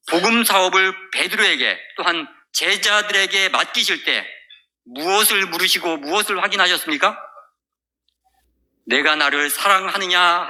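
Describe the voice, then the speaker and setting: A man's voice: sits high, pushed and bright. A male pastor preaching a sermon, retelling a Bible story in a storytelling manner. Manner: storytelling with many fillers and restarts.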